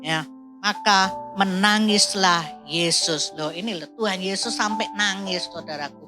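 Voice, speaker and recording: A woman's voice: medium pitch, measured pace, over music. A woman preacher, reading Bible verses and explaining them in a sermon, often adding "ya" and "Saudaraku". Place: church service.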